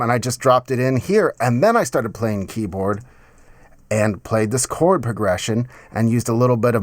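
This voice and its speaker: This man, in his thirties, talks with a medium-pitched voice in a dry recording. He's making a casual instructional video on music production from his small home studio, sounding enthusiastic, slangy and informal into a close studio microphone with a pop filter.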